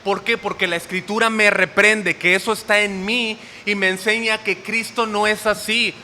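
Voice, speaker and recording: A man preaches a sermon, checking in with his listeners through quick questions. His voice sits high and rings very bright. It carries a long hall reverb with a faint hiss underneath. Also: little pitch movement. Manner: asks the audience questions often.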